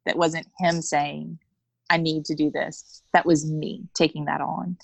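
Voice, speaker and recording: A woman in her thirties, interviewed candidly and conversationally as a coaching client, speaks frankly at a measured pace in a low, flat voice with vocal fry, acting out small bits of dialogue. No room sound is present.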